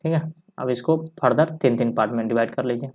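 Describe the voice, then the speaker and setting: A male maths teacher giving a step-by-step lesson, dictating slowly and repeating each number as he writes it. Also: medium pitch, darkish tone. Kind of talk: step-by-step lesson while writing on a board.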